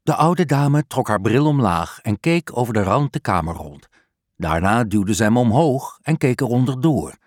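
A man reads a story aloud with an expressive, lively delivery that rises and falls widely. His voice sits at a middle pitch. The recording is dry and close, with no room sound. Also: no room sound. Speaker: narrator. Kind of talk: audiobook narration.

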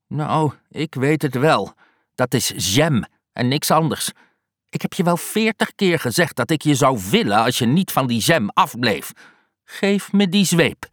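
A man doing a shrill old aunt, scolding and fond. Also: sing-song, unhurried, no room sound, studio quality. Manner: shrill, exasperated scolding, pious sighing. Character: scolding old aunt, fussy yet soft-hearted. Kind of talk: audiobook reading.

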